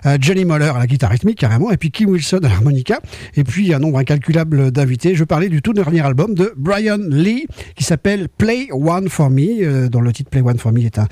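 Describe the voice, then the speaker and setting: A man's voice: on the high side, animated, quick pace, mellow, no echo, studio quality. A man hosting a blues music show on the radio, chatting informally as he introduces records. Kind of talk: casual radio presenting between records.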